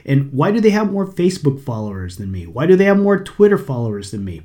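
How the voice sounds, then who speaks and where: A man's voice: mid-range voice, sing-song, fast, warm tone. A middle-aged man hosting a solo podcast, talking in a conversational, lightly sarcastic, motivational way. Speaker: podcast host. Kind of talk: casual solo podcast talk.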